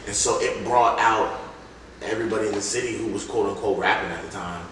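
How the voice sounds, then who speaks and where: Speaking fairly quickly in a very low yet fairly bright-toned voice, this young man trades stories in a rapper-style interview, full of slang and replayed bits of dialogue. The distant mic catches a lot of echo from the room, plus faint noise.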